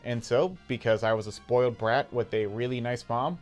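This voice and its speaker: A man's voice: mid-range voice, normal speed, faint music behind. A man in his thirties with an American accent, narrating personal gaming memories in a casual, conversational, nostalgic way. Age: 30s. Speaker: video game YouTuber. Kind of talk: casual personal storytelling voice-over.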